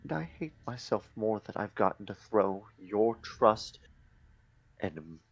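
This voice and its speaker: Earnest low-voiced man in character. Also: very animated, breathy edge, highs cut off. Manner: earnest, remorseful, halting pauses. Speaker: player. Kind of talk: in-character speech in a tabletop game.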